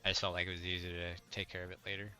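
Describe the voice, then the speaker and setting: A man's voice: sits low, level tone, rapid-fire, bright, forceful tone, clear, resonant tone, soft background music. A man playing a tabletop game, counting out his dice rolls methodically. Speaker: player. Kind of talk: casual tabletop game play.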